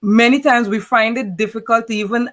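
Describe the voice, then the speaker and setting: A woman's voice: a little high, steady tone, fairly quick. Trinidadian woman hosting an online panel. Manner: earnest, repeats words when starting thoughts. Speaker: host. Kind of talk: casual panel discussion.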